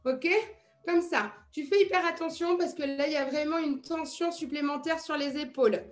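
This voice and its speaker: A woman's voice: high-pitched, fairly even intonation, moderate pace. A woman coaching a live online workout class, counting reps and explaining exercises with chatty, encouraging asides, in a French accent. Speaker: fitness instructor. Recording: echoey room with music.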